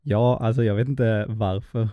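A man's voice: lowish voice, steady tone, dry recording, phone-quality sound. A man with a mixed Småland and northern Swedish accent, chatting casually as a podcast co-host. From Småland, Sweden. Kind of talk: casual chat.

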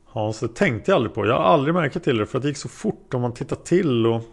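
A man's voice: medium pitch, animated, vocal fry. A man voicing a male taxi driver testifying as a witness, answering in a plain, hesitant way. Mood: calm.

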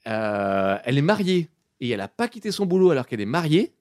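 A man's voice: medium pitch, fast talker, dry recording. Young guy on a podcast, chatty storyteller, lots of euh, dry close sound. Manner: lively storytelling with many fillers. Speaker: podcast host presenting a science story. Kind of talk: casual podcast chat.

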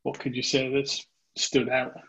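A man's voice: mid-range voice, completely flat delivery, a little slow, fairly bright tone, slightly rough, highs cut off. A man hosting a podcast in casual interview chat, with a hesitant, rambling way of talking. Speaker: podcast host.

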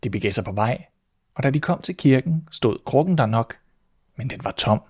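A man reading a fairy tale aloud in a calm, measured storytelling voice as host of his podcast. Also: medium pitch, dry recording, studio quality.

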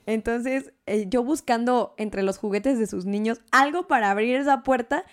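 A young woman, casually telling a story as a guest, animated and laughing often. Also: fairly high pitch, normal speed. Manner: animated, laughs often, acts out quoted voices.

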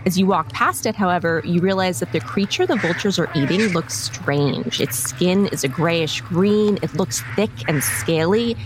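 A woman's voice: on the low side, moderate pace, few pauses. A woman telling the story of a tabletop game descriptively, with ambient animal noise behind.

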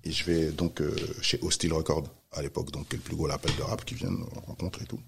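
A man telling a story in casual chat, animated, acting out the voices of the people he quotes. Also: rumbling low, quick pace, gravelly, husky. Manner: animated, acts out quoted voices, many restarts. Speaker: music manager telling a story.

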